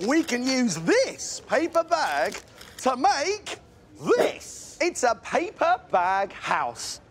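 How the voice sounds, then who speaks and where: A man's voice: very high voice, big pitch swings, extremely slow, slight background noise. A man presenting a children's craft segment in a playful, exaggerated, sing-song way.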